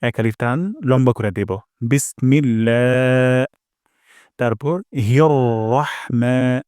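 Man teaching recitation, slow drawn-out demonstrations. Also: medium pitch, darkish tone, dry recording, clean studio sound. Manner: slow, drawn-out demonstrations of each sound, repeated. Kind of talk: pronunciation lesson.

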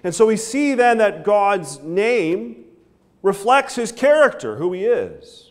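Animated young pastor preaching from a pulpit. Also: male voice, high-pitched, slow pace. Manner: animated preaching with frequent "right?" asides and hand gestures. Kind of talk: sermon. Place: church sanctuary, preaching at a wooden pulpit.

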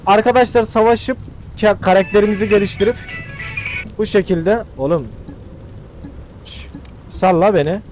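A young man with a fairly high voice chats his way through a video game, slangy and loose as he thinks aloud. Game music plays faintly behind him. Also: moderate pace, pauses often, a little mellow. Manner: chatty, slangy, thinks aloud while playing. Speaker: gaming YouTuber. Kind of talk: casual let's-play commentary.

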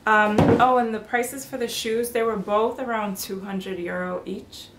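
A woman in her thirties chatting casually to camera in a room at home, bubbly and quick to laugh. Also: mid-range voice, steady tone, fairly bright tone. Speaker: fashion vlogger. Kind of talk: casual haul chat. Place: bedroom or apartment, indoors. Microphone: camera on tripod, mid-distance. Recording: roomy, noisy indoor recording.

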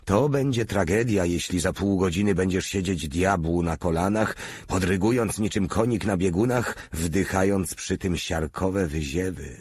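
A man's voice: sits low, normal speed, few pauses, a little mellow, slightly rough. A man voicing a stern, scheming veteran legionnaire who speaks in a solemn, preaching tone, read as an audiobook character.

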